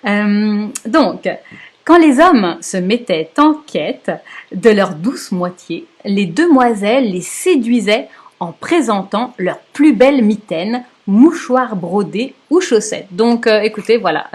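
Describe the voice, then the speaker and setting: A woman's voice: mid-range voice, lively intonation, slow pace. A woman presenting a knitting history lesson in a chatty storytelling way, with asides and jokes for her viewers. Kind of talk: casual storytelling lecture.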